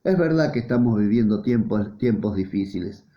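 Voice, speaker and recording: Earnest preaching pastor, roomy church. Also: male voice, animated, normal speed. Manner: earnest, repetitive preaching with swells in pitch. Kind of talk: sermon. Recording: roomy, dull lo-fi church sound.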